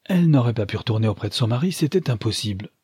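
A man voicing an earnest, well-bred young gentleman in a storybook reading, eager and deferential, with a husky voice. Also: mid-range voice, animated, fast, no echo, studio quality.

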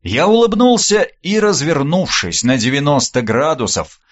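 A man narrating an action audiobook in the first person, reading in an animated, expressive way, on a dull, slightly muffled recording. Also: fairly high pitch, moderate pace.

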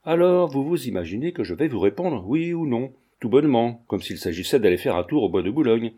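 A man reading the lines of a poised, sharp-tongued countess, cool and guarded. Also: mid-range voice, lively intonation, a little fast, breathy edge.

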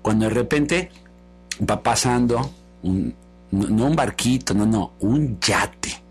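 A man's voice: lowish voice, slow pace, husky, soft background music. Playful man telling a fable. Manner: lively, playful storyteller. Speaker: radio host.

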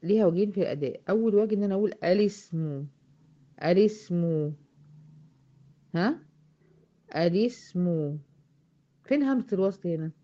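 A woman with an Egyptian accent teaching a tajweed lesson, often asking her students questions and slowly drawing out example words. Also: mid-range voice, animated, mellow, dull audio. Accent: Egyptian Arabic. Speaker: Quran recitation teacher. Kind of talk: tajweed lesson explaining grammar.

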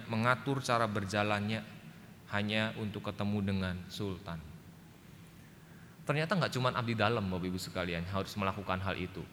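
A man's voice: mid-range voice, bright, forceful tone, slight background noise. A male pastor preaching a sermon in a church, emphatic, often turning directly to the congregation. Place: church sanctuary. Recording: church recording with long reverb.

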